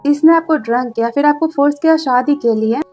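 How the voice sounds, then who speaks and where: A hot-headed younger brother who turns on his sister-in-law, as a woman voices him. He sounds angry and accusing, in a high voice. Faint music sits underneath. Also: fairly quick, a little mellow, no echo, natural voice.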